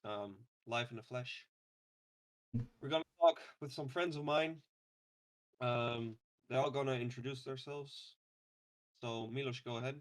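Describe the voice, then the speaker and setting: A man in his twenties hosting a casual podcast, relaxed and hesitant with many ums. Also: mid-range voice, measured pace, pauses often. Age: 20s. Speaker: podcast host. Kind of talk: casual chat.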